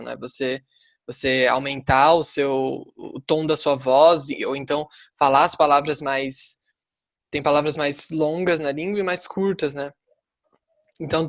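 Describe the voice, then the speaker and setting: A man with a Brazilian Portuguese accent, a language teacher giving his view in a casual debate, talking quickly with lots of fillers. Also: a little high, fairly bright tone, no echo. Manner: quick and chatty, many fillers like "tipo" and "né".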